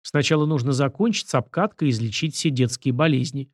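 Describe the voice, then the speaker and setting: A man reading the lines of a calm, ironic young man in an audiobook, dry in manner. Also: mid-range voice, fast talker, dry recording, natural voice.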